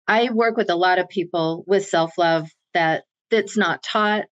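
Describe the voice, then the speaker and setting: A woman's voice: lowish voice, dull audio. Earnest woman coach explaining her practice. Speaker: self-empowerment coach, guest. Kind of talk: conversational interview.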